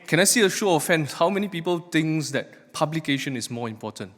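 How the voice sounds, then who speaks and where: A man's voice: fairly high pitch, expressive, a little fast, a bit bright. A man giving a short live academic talk, emphatic and questioning as he addresses the audience. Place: large hall, speaking to a live audience. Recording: echoey hall with long reverb.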